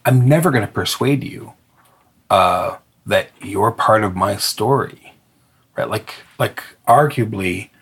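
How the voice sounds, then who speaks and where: A man's voice: fairly low pitch, slow, a bit bright, husky. A man from northern Michigan co-hosting a podcast, talking things through in long, thoughtful, hesitant sentences. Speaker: podcast co-host. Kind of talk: casual discussion.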